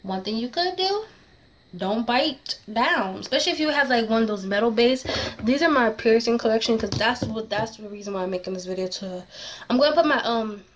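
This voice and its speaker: A woman's voice: on the high side, animated, a little fast. A young woman chatting casually to camera in a rambling, distracted way, correcting herself, with slightly slurred, lisping speech from a tongue piercing. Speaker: vlogger. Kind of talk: casual advice chat to camera.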